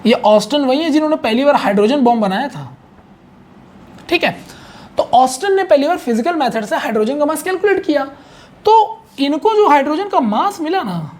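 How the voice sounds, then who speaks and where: A man's voice: very high voice, lively intonation, brisk, darkish tone, slight background noise. A man teaching a chemistry lesson in a conversational, repetitive way, often checking in with his students. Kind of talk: explanatory online chemistry lesson.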